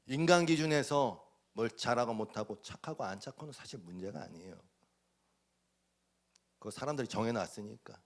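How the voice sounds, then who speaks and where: A man preaching a sermon as pastor, dramatic, acting out voices and swinging from loud bursts to near whispers. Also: medium pitch, lively intonation, moderate pace.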